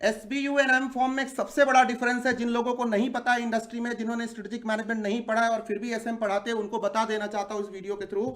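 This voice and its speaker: A man's voice: very high-pitched, level tone, fast, hardly any pauses, a bit bright. A man of forty, an exam-prep teacher, giving an impassioned video address to viewers, indignant and full of rhetorical questions. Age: 40s.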